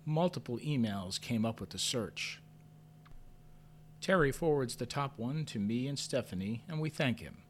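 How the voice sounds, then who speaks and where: A man narrating a story in first person with a measured, understated delivery, lifting sharply when his character asks questions. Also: mid-range voice, lively intonation, a little hiss or hum. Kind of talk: audio drama narration.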